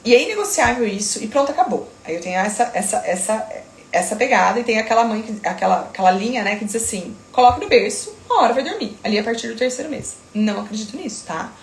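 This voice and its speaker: A woman, a sleep consultant talking firmly and emphatically with quick asides. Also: medium pitch, expressive, gravelly, echoey room, slight background noise. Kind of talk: casual talk to camera.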